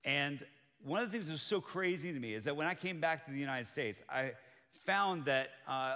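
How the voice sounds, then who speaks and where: A man preaching a sermon as pastor, earnest and building to excited emphasis, who grew up in Colombia. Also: fairly high pitch, long reverb tail.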